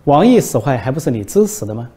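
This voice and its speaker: Comedy sketch: a sarcastic, irritated male president who keeps needling, played by a man with a mellow voice. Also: mid-range voice, big pitch swings, fast talker, close to an everyday voice.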